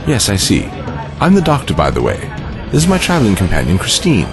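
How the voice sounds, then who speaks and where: A man's voice: lowish voice, wildly swooping pitch, fairly quick, crowd noise. A man with a British accent acting a courtly, distracted time traveler in an audio drama, theatrical and inquisitive. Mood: curious, courtly. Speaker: actor. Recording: loud music bed behind the voice.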